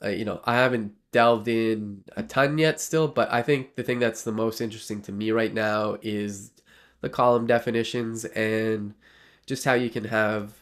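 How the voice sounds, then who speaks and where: A livestreaming developer talks casually while coding, rambling with lots of fillers and restarts. His lowish voice is steady, a bit bright and at normal speed, though a cold makes it sound nasal.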